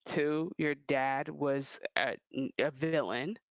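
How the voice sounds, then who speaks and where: Gravelly higher-pitched male podcast co-host. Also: no room sound, dull audio. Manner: animated, rambling, quick restarts. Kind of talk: casual chat.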